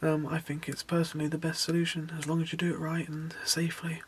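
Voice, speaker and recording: Talking fast in a flat, medium-pitched monotone, a van-conversion vlogger rambles through casual narration from inside a compact campervan, stumbling over fillers and restarts. His voice is wearing thin as he loses it, and there's a little hiss or hum in the audio.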